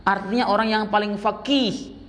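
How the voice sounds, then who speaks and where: A middle-aged man teaching a study circle in a mosque, talking in a fairly high voice. He keeps it conversational, slipping in teasing asides. A long hall reverb trails every phrase. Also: steady tone, moderate pace, fairly bright tone, a little hiss or hum. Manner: conversational, teasing asides, chants verses in demonstration. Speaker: Islamic teacher.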